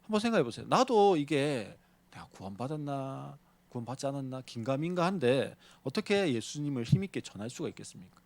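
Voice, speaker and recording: A man's voice: mid-range voice, very animated, a little fast, no room sound. A male pastor preaching a sermon, telling a story and often putting questions to the congregation. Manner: tells a story to illustrate his point.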